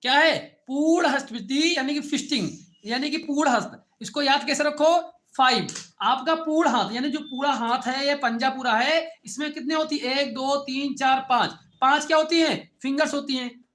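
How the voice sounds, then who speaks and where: A male teacher delivers an online class in a bright, forceful voice. He keeps firing short check questions at his students and repeats key terms. His delivery is informal and direct. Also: very high-pitched, moderate pace, hardly any pauses. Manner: repetitive call-and-response questioning. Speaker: agriculture teacher.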